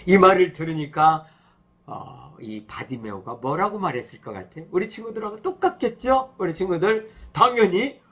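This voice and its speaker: Husky pastor telling children a story. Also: male voice, high voice, lively intonation, normal speed. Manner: gentle storytelling to children, acting out cries. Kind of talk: children's sermon.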